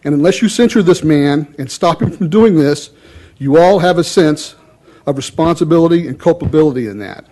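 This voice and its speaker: A man's voice: a little high, animated, moderate pace, dark tone. A man giving a formal public comment at a council meeting in a stern, indignant, accusatory way.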